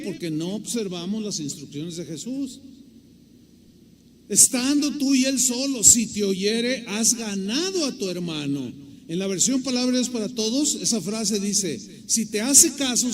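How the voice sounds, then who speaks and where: Pastor, high and bright for a man; emphatic sermon, bursts loud, falls quiet. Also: slight background noise. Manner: emphatic preaching, swinging between loud stresses and quiet asides.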